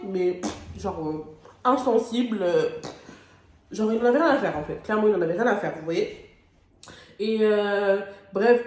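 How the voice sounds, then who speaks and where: A young Frenchwoman, a vlogger with a mid-range, darkish voice, tells a personal story on her vlog. She is emotional and dramatic, drops casual slang, and the room she records in is echoey.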